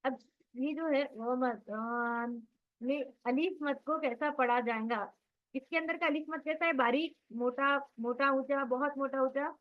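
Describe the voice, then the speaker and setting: A woman's voice: high voice, normal speed, lo-fi sound. A woman teaching Quran recitation in an online class, patiently drilling sounds and quizzing her students.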